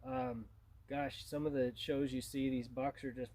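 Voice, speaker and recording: A man's voice: mid-range voice, level tone, unhurried, a little mellow, a little hiss or hum. A man gives an informal tutorial as a hunting instructor, in a plain-spoken, conversational way.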